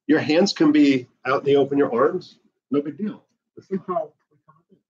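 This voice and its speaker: A middle-aged man from the Bahamas teaching an herbalism class indoors, animated and gesturing a lot while he paces, recorded by a camera at a distance. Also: a little high, brisk, slightly rough, highs cut off. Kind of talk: lecture to a class. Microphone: far camera on the floor.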